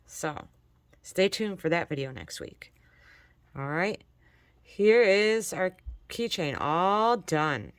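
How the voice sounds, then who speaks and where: Slow and animated, with frequent pauses, a woman from Michigan chats through her crafting channel's tutorial and encourages viewers while working. Her lowish voice is smooth despite congestion from allergies. The recording has no room sound.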